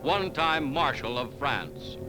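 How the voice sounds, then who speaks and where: A man delivering 1940s newsreel narration in a brisk, emphatic announcer style, as on an old newsreel recording. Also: medium pitch, big pitch swings, low-quality recording. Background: loud music bed.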